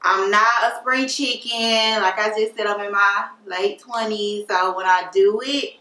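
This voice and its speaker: A woman's voice: medium pitch, fairly even intonation, a little slow, pushed and bright. Chatty woman in her late twenties, echoey room. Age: late 20s. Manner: chatty, upbeat, lots of fillers. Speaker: beauty vlogger. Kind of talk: casual Q&A chat. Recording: echoey room, mic at a distance.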